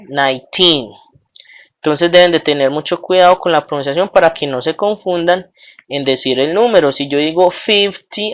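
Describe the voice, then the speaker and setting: A woman, teaching a lesson and patiently drilling numbers one at a time. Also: sits low. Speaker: English teacher. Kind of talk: slow classroom lesson counting aloud.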